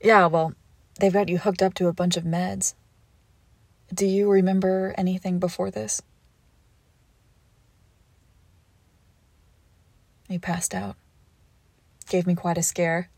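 A young woman playing a devoted girlfriend who nurses her sick partner, coaxing and protective, often dropping to a hush. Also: fairly low pitch, level tone, moderate pace, gravelly, pauses often, dry recording. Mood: tender. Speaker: audio roleplay performer. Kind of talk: audio roleplay addressed to the listener.

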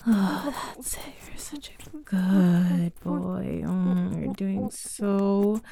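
A woman voicing a doting, controlling motherly figure in an intimate audio roleplay, mostly whispering in a hushed, soothing way. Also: medium pitch, drawn-out words, creaky.

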